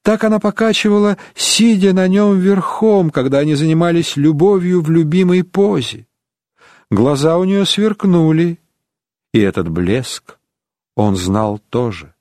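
A man reading an audiobook in slow, expressive storytelling narration. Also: fairly high pitch, dry recording, clean studio sound.

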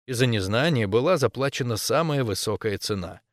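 A man's voice: mid-range voice, lively intonation, fairly quick, dry recording. Dry, wry male audiobook narrator. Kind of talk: first-person audiobook narration.

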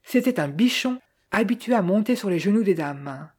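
A woman's voice: medium pitch, lively intonation, normal speed, darkish tone, husky. A woman reading as a gallant, joking young man. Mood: wry. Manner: courteous and wry.

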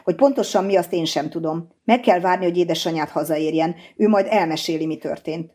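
A woman's voice: fairly low pitch, mellow, lightly acted. A woman voicing a worried, earnest young woman in an audiobook.

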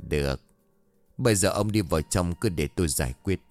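A man voicing a greedy male sorcerer of dark arts, speaking in a calm, smug and mocking way. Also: low-pitched, fairly quick, soft background music.

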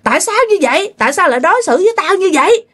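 A woman's voice: very high-pitched, very animated, very fast, bright, forceful tone, pitched above the performer's own voice, exaggerated voice. A woman voicing the angry ghost of a dead husband speaking through a possessed neighbor, scolding. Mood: furious. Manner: scolding, ranting, demanding.

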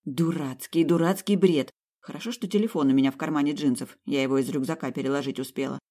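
Woman narrator, first-person comic fantasy audiobook, sarcastic and lively. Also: deep voice, fast talker.

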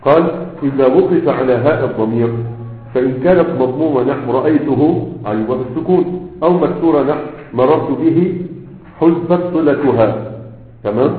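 A man with an Egyptian Arabic accent teaching a grammar lesson, constantly quizzing his students with half-finished questions and checking they follow. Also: medium pitch. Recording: echoey room over a tinny, phone-like line.

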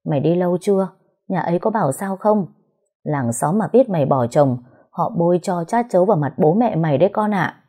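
A woman's voice: on the low side, animated, a little fast, dark tone, husky. A woman voicing an anxious older mother from the countryside, pleading and scolding. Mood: fretful. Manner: fretful, pleading.

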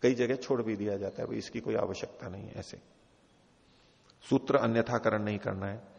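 Gravelly male teacher in an echoey hall. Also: on the low side, steady tone, moderate pace. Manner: explains patiently with repeated rephrasing and examples. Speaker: teacher of philosophy. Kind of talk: scripture lecture. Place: teaching hall of a religious retreat. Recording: dull, echoey hall recording.

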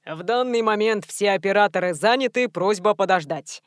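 A woman's voice: medium pitch, moderate pace, no room sound, studio quality, lightly acted. Phone menu announcer, played by a female narrator, formal automated delivery, audiobook prank. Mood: mock formal. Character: recorded phone menu voice, put on by male hacker as prank. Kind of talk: audiobook character voice.

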